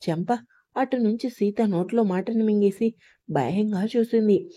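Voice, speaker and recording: A woman narrating a love story in a steady, even reading voice. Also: mid-range voice, measured pace, no echo.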